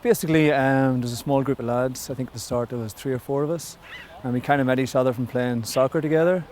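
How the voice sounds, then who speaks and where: An Irish man in a documentary interview, telling in a relaxed, plainspoken way how his club got started. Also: medium pitch, quick pace, music in the background. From Ireland. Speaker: club player.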